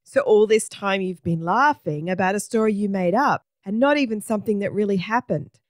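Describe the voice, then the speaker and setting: A woman's voice: medium pitch, brisk, no room sound, close to an everyday voice. Sensible little girl, dry and teasing, read by a woman, plain dry sound. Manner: matter-of-fact, teasing.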